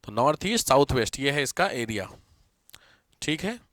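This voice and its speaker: A male teacher giving an exam-prep history lesson, dictating notes slowly, spelling words out letter by letter and repeating every term. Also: mid-range voice, very animated, a bit bright, no echo.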